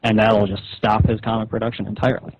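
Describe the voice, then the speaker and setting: A rival webcomic creator argues over the phone, blunt, condescending, and persuasive. His fairly low voice barely moves in pitch, and he talks fast. The telephone audio is muffled and echoey.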